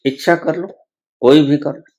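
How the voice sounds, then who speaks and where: A spiritual teacher gives a discourse, reciting scripture verses and explaining them with rising emphasis. His voice is on the high side with a darkish, steady tone and a measured pace.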